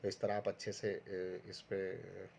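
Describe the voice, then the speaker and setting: A man's voice: low voice, flat delivery, slow pace, vocal fry, darkish tone, slight background noise. A man teaching a recorded online lesson to first graders, patiently going step by step and sounding out syllables for pupils to repeat. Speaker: primary school teacher.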